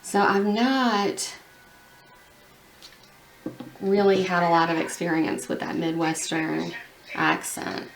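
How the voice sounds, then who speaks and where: A woman's voice: lowish voice, level tone, slow, creaky, long pauses, a little hiss or hum. Chatty woman vlogging while painting nails. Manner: chatty, rambling, many fillers. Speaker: beauty vlogger.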